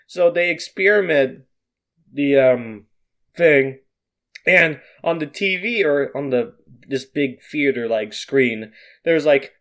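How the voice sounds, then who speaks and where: A young man reading and mocking his own old fan-film script, swearing and rambling through self-mocking asides. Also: fairly high pitch. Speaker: YouTuber.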